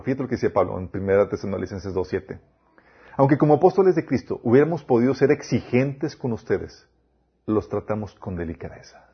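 A man delivers a sermon in a husky, slightly breathy voice, often putting rhetorical questions to his listeners. His pitch sits in an ordinary middle range. The recording sounds a little dull and muffled. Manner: addresses listeners as "chicos", quotes scripture, rhetorical questions. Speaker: preacher.

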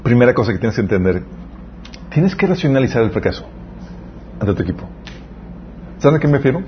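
Lively young preacher man. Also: mid-range voice, fairly quick. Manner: lively storytelling, addresses the audience directly. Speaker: youth preacher. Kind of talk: conversational sermon. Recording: slightly muffled recording with faint background noise.

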